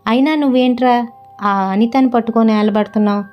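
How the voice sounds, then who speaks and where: A woman's voice: a little high, fairly even intonation, brisk, lo-fi sound, faint music behind, lightly acted. A woman voicing a coaxing older mother-in-law. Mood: scolding.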